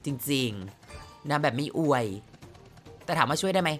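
A woman's voice: low-pitched, very animated, unhurried, faint music behind. A woman streaming a slot game, chatting playfully with her viewers and exclaiming at each spin in casual gameplay commentary.

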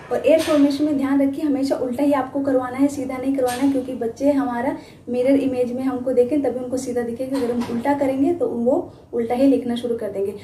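High-voiced woman teaching phonics sounds. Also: slight background noise. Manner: models letter sounds loudly, drawn out. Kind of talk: spoken teaching tutorial. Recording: echoey room.

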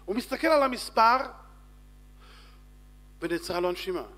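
A man, a rabbi, telling a story in a sermon and acting out shouts and dialogue. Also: high-pitched, expressive. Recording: long hall reverb.

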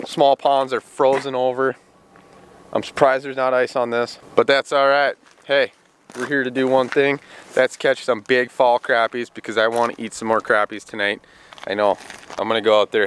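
A Minnesota fishing vlogger with a clean, mid-range voice talks casually and excitedly, hyping up the fishing, first outdoors by a lake and then in a small boat on open water. The camera mic is held at arm's length and later mounted, and the outdoor audio has music playing behind it.

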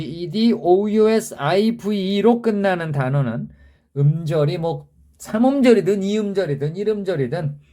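A man's voice: sits high, warm tone. A man teaching a grammar lesson, who spells out word endings letter by letter and keeps quizzing the viewer in an emphatic way.

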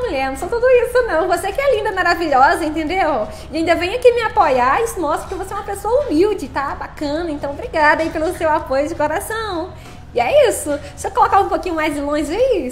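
A woman's voice: extremely high pitch, a little hiss or hum. A woman chatting on a live stream, playful and laughing often as she greets her viewers by name. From Brazil.

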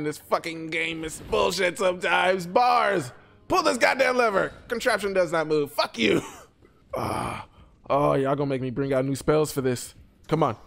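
A man giving live gameplay commentary as a streamer, excitable and trash-talking, swearing and laughing often. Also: on the high side, vocal fry. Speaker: gaming streamer.

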